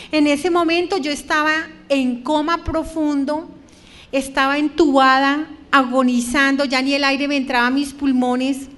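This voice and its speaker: A middle-aged woman giving an emotional religious testimony to an audience, slowing down and stretching her words as her voice breaks. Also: high-pitched, a bit bright.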